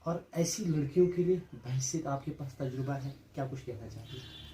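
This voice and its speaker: A man interviewing a guest, asking measured, formal questions. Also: medium pitch, warm tone. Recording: echoey room with faint noise.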